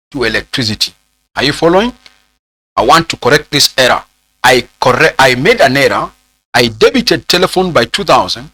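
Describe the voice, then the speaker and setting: A man with a Kenyan accent teaching an accounting lesson, asking the class questions and repeating phrases slowly so students can write them down. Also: mid-range voice, bright, forceful tone, poor audio. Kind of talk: classroom lecture with dictated notes.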